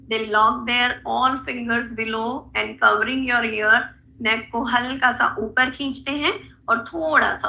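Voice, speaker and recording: A woman with a North Indian accent, a native Hindi speaker, instructing a yoga class with explanations and drawn-out movement cues. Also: on the high side, vocal fry, pushed and bright, rough recording.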